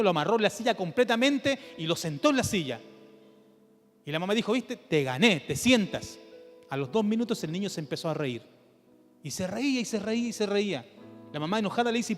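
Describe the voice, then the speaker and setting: High-voiced Chilean pastor preaching in church. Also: male voice, long reverb tail. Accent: Chilean Spanish. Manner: animated preaching with rhetorical questions, drops to a soft low voice for emphasis. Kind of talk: sermon.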